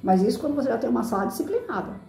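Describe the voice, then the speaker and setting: Woman, Brazilian Portuguese accent, former teacher, animated swooping delivery, echoey room. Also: on the high side, creaky. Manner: lively, chatty, acts out parents and kids in quick asides. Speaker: former schoolteacher. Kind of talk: casual advice talk on parenting and teaching. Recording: echoey room with faint music.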